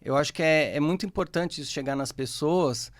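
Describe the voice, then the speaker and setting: Explanatory Brazilian man, fairly high voice. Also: fairly quick. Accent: Brazilian Portuguese. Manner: explanatory, patient, frequent "né?" and "tá?". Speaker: guest therapy instructor. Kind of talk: podcast interview.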